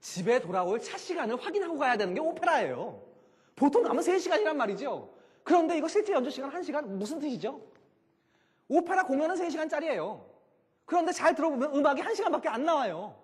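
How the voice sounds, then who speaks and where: With a long reverb tail echoing behind him, this middle-aged man talks quickly in a very high-pitched voice, giving a live audience a lively, jokey lecture on classical music packed with rhetorical questions.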